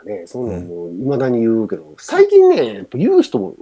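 A man's voice: mid-range voice, wildly swooping pitch, a little fast, mellow, breathy edge. A middle-aged man with a Kansai accent, chatting casually as a podcast co-host and rambling with many fillers. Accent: Kansai Japanese. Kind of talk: casual chat.

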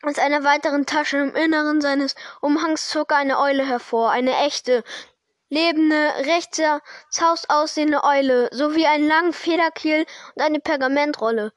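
Brief: amateur woman reader of a novel, high-pitched, steady, dry close mic. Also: moderate pace, no room sound. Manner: steady read-aloud with small slips and self-corrections. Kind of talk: reading a novel aloud.

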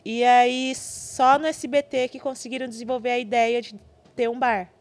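A Brazilian woman guest chatting casually on a podcast, lively and laughing often as she talks in quick bursts. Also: a little high. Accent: Brazilian Portuguese. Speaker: podcast guest, TV stage assistant. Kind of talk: casual chat.

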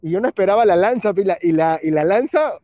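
High-voiced Peruvian man, laid-back. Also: quick pace, no room sound. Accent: Peruvian Spanish. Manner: relaxed, slangy, laughs at his own stories. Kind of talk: casual chat. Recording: muffled lo-fi with faint background hiss.

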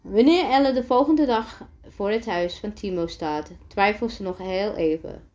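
A woman reads a children's storybook aloud at a very slow, careful pace. She often stumbles and restarts a word before going on. Her pitch sits in an ordinary middle range. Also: darkish tone. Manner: careful reading with frequent restarts. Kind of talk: reading a children's book aloud.

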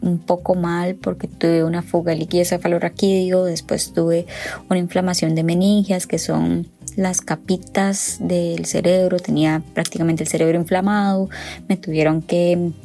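A Costa Rican woman in her thirties recounts her own story, frank and emotional, with a wry edge. Her voice is mellow and dark, with a gravelly fry, and faint music plays behind her. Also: fairly low pitch, level tone, moderate pace. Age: 30s. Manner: candid, emotional, with wry laughs. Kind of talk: personal testimony storytelling.

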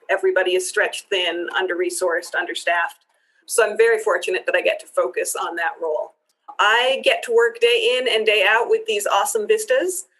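A woman's voice: mid-range voice, a bit bright, poor audio. A middle-aged woman from Wyoming, a program supervisor, answering interview questions in an upbeat, chatty way and laughing easily. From United States (Wyoming).

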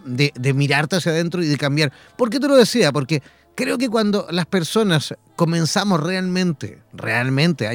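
A man with a Chilean Spanish accent talks in a chatty, meandering way, with a somewhat high voice and a gravelly, creaky edge. He often repeats phrases and fills pauses with "eh". The sound is close and dry. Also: a bit bright, dry recording. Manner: chatty, repeats himself, frequent fillers. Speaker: conversation partner. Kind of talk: casual conversation.

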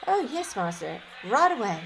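A jittery young palace messenger, put on by a woman storyteller, stammering in a thin, raised voice. He hems and haws before every line. Gentle music plays under the storybook telling. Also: a little high, sing-song, normal speed, creaky. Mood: timid. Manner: hesitant, stammering with ums and uhs. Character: timid nervous male palace messenger.

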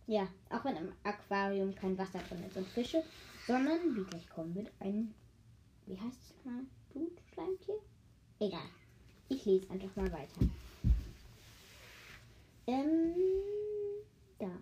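A woman reads a children's story aloud in a very animated, warm voice, going slowly and pausing often. She keeps stopping to joke with her listeners, stumbles over words and corrects herself, and uses a higher voice for the characters' short cries. The audio is poor, with a little hiss or hum.

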